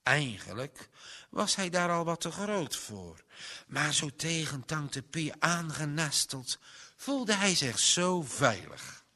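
A man reads a children's Bible story in a slow, tender and expressive way. His bright voice moves lively up and down. A long reverb hangs after each phrase, as in a large room. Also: a little high.

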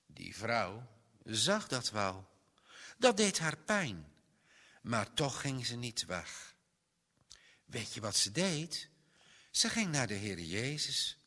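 Male storyteller, children's Bible story, slow and expressive, lively pitch, long echo.

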